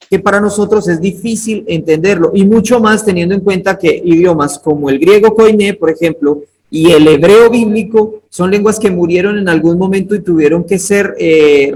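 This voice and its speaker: Man with a high voice teaching a Bible class over a video call, chatty, calls on students by name. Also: low-quality recording. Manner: conversational, questions students by name. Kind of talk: interactive online class lecture.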